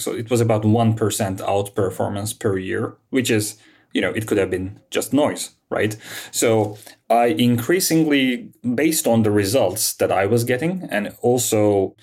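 A man in his thirties from Turkey, a fund manager answering interview questions in a measured, explanatory way with frequent fillers. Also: fairly low pitch, a little mellow.

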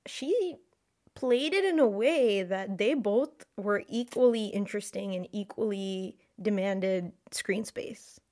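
A woman's voice: mid-range voice, slow pace, darkish tone. A woman co-hosting a film podcast, chatting casually and animatedly, with many fillers. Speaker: podcast co-host. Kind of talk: casual chat.

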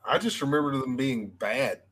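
A man's voice: medium pitch, lively intonation, moderate pace, over a noisy crowd. A man talking casually as a panelist on a sports podcast.

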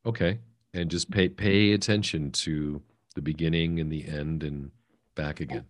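A man hosting a podcast interview, talking in a relaxed conversational way with self-deprecating asides. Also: rumbling low, normal speed. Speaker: podcast host.

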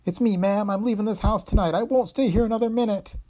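A woman's voice: mid-range voice, quick pace, warm tone, pitched above the performer's own voice, lightly acted. A man voicing a frightened female cook who gasps out her words in rustic speech. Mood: panicked. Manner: breathless gasping speech, rustic grammar. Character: terrified female cook, plain-spoken servant.

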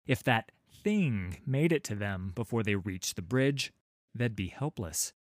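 Slow, low-voiced male storyteller. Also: no echo, studio quality. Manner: measured, dramatic storytelling. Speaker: audiobook narrator. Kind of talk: scripted fantasy narration.

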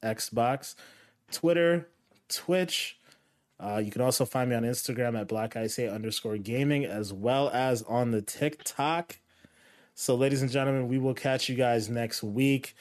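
A man hosting a casual gaming podcast, talking in a relaxed, rambling way. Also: medium pitch, unhurried. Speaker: podcast host. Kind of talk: casual chat.

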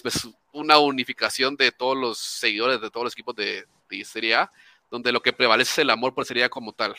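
A man from Nicaragua talks casually on a podcast, hesitating often and circling back with fillers. His voice is very bright and forward, and it sounds dry and close. He comes across as a chatty guest. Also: medium pitch, no echo. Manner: talkative, hesitant with many fillers. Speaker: fan group founder, guest.

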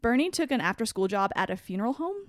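A woman hosting a podcast, talking casually and quickly from her notes. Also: fairly high pitch, expressive, no echo, studio quality. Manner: fast talker. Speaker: podcast host. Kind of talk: casual chat and narration from notes.

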